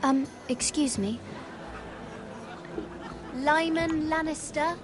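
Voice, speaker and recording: A woman's voice: sits high, a crowd in the background. An actress voicing a poised young noblewoman in a video game, polite and probing. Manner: polite, measured, questioning. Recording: music behind the voice.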